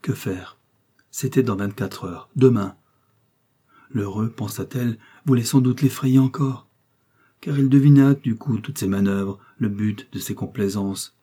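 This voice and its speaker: A man narrating a classic novel in a measured, expressive reading. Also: on the low side, slightly rough. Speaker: audiobook narrator. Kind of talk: scripted literary narration.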